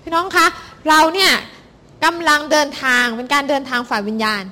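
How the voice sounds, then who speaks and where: A woman interpreting a sermon into Thai for the congregation, rendering it lively and expressively. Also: high-pitched, a little fast. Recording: hall reverb.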